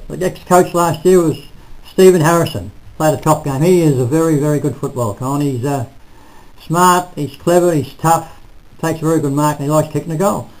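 An older man reviewing a local football match in casual, halting talk full of restarts, recorded on a close webcam in a small room. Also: fairly high pitch, a little mellow, low-quality recording. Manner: rambling, halting, self-correcting. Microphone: webcam at close range.

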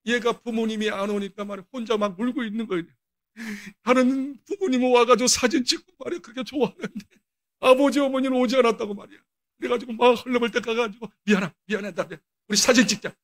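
An older male pastor preaching a sermon, telling personal stories and acting out quoted dialogue with sudden loud bursts. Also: very high voice, steady tone, quick pace.

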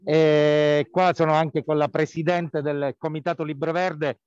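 Male activist calling in by phone from a square, dull lo-fi line, very dry sound, slightly high voice, halting delivery. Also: little pitch movement, darkish tone, clean tone, no room sound. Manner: halting, many fillers and restarts. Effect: over the phone. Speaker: health care worker and committee activist. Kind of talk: live report at a rally. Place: outdoor town square. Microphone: mobile phone.

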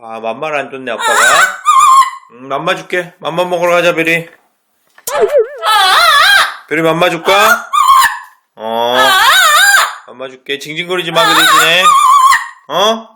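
A man, the owner of a pet parrot, talking to it in casual, coaxing baby talk and gently scolding it. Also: on the high side, animated, a little slow, long pauses, heavy background noise. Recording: loud background music over voice.

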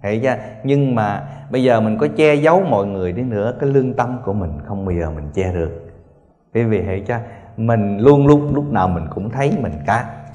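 A man's voice: fairly low pitch, a little fast. Man preaching in an echoing hall. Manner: storytelling, animated, laughing, repeated rhetorical questions. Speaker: spiritual teacher. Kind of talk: sermon to meditation students. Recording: long hall reverb, faint music.

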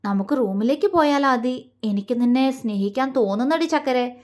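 A woman voicing a soft-spoken, romantic young man speaking gently and coaxingly, in a storybook reading. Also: high-pitched, expressive, normal speed. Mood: tender.

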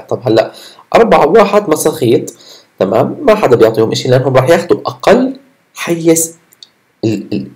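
A man's voice: mid-range voice, darkish tone. A man teaching a casual coding tutorial, chatting with viewers as he types at his computer. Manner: chatty, talks to viewers while typing code. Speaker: programming instructor. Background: keyboard typing.

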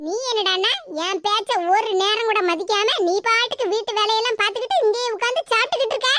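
A woman's voice: very high voice, fairly even intonation, quick pace, heavy background noise. A woman voicing a sly, spoiled young sister-in-law in a cartoon, speaking with a Tirunelveli Tamil accent in a taunting, fake-wailing manner.

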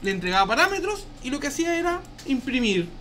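A man's voice: extremely high pitch, very animated, quick pace, bright, forceful tone, a little hiss or hum. A male programming teacher with a Chilean Spanish accent, explaining casually in a live class and asking "¿ya?" after each point. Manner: slangy, chatty, asks "¿ya?" often.

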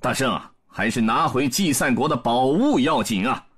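A man voicing a calm, commanding male deity with steady, measured speech. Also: mid-range voice, slightly rough.

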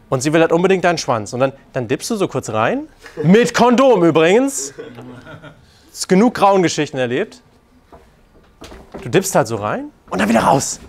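Brash dating coach, fairly high. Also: male voice, normal speed, creaky, long pauses. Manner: animated, acts out quoted lines in put-on voices; frank, crude and joking. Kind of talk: casual coaching talk.

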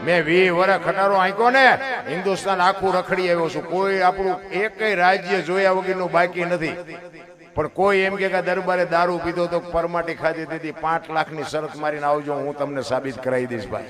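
A middle-aged man with a Kathiawadi Gujarati accent telling folk stories and moral sayings in a folksy manner. He calls his listeners "bapu" and now and then bursts into high, loud exclamations. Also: fairly even intonation, brisk, over music. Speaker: folk storyteller. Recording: musical accompaniment playing behind the voice.

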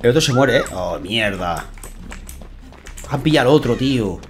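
A man streaming a game live with a Spain Spanish accent, chatty and prone to swearing. His pitch leaps and swoops all over as he reacts. It is a mid-pitched voice, neither high nor low. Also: normal speed, a little hiss or hum. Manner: excitable, chatty, swears, thanks viewers. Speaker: gaming streamer. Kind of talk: live gameplay commentary.

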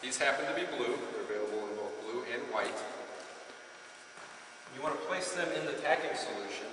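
A man's voice: medium pitch, animated, a little fast. Man giving instructions in an echoey gym. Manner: plain step-by-step instructions. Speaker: cleaning product demonstrator. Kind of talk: instructional demonstration. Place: large indoor gymnasium. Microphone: camera mic from a distance. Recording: echoey gym from far off, hiss.

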